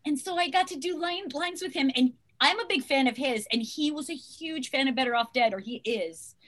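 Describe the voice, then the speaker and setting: Woman, actress guest, bright high voice, giggly and rambling. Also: a little fast. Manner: laughing, excitable, rambling. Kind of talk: animated anecdote telling.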